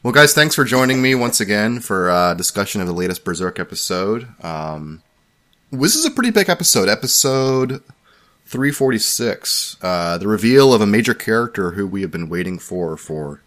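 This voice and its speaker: Male podcast host, low voice, chatty and self-deprecating, casual chat. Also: sing-song, normal speed, a bit bright.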